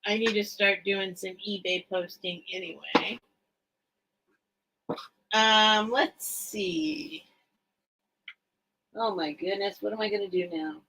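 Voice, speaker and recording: Woman host, slow and unhurried, bright tone, chatty, rambling live-sale patter. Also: mid-range voice, a little hiss or hum, rough recording. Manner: rambling, thinks aloud, chatty. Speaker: online seller, host of live sales. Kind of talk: casual livestream sales chat.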